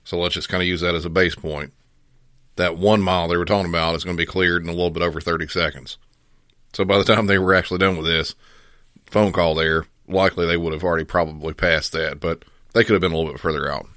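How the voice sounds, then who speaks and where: A man's voice: sits low, fairly even intonation, quick pace, pushed and bright, no room sound, studio quality. A man hosting with casual, conversational commentary. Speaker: host reviewing police pursuits.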